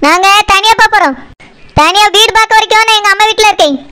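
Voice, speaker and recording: A woman's voice: very high voice, fast talker, pushed and bright. A woman voicing a stubborn young daughter-in-law in a cartoon, with a Tirunelveli Tamil accent and a blunt, argumentative manner. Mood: defiant. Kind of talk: cartoon voice acting.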